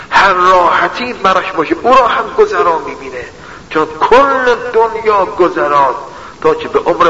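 A man preaching a religious sermon in a measured way, repeating a refrain for emphasis. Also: a little high, pushed and bright, slight background noise. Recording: echoey hall, dull lo-fi sound.

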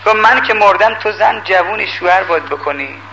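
An older man preaching a sermon in a lively, emphatic way, pleading with and scolding his listeners. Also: high-pitched, a little hiss or hum, low-quality recording.

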